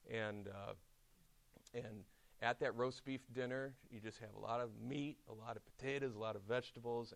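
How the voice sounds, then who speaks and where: A middle-aged man preaching a chapel sermon, telling stories with lively asides. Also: on the low side, vocal fry. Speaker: pastor. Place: seminary chapel.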